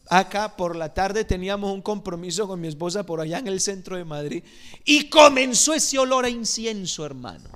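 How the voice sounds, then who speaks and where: A man pastor preaching a sermon, telling lively stories and acting out the voices in them. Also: sits high. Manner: animated, acts out voices in anecdotes. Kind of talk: sermon with storytelling. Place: church.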